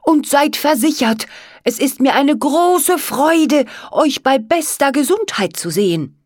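A woman voicing a polite, formal male frog servant who speaks slowly and deliberately, for a storybook. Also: sits high, animated, no echo, clean studio sound, pitched above the performer's own voice. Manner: formal and courteous, slow and deliberate.

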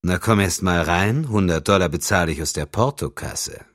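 A man playing a slow, deep-voiced cold killer. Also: no echo, studio quality. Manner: slow, quiet, measured menace. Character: cold, smooth male killer, calm and menacing.

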